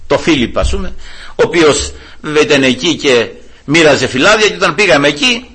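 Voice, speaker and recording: A man's voice: a little high, slightly rough. A man preaching a Bible study sermon to his congregation, telling stories with animation and often addressing the listeners as brothers. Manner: animated storytelling, rising loud for retold shouts. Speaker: pastor.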